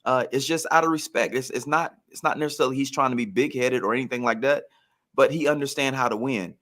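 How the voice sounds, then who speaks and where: A former pro football player, here as a guest storyteller, chats casually about sports in a medium-pitched, fairly bright voice. He talks quickly and repeats phrases for emphasis.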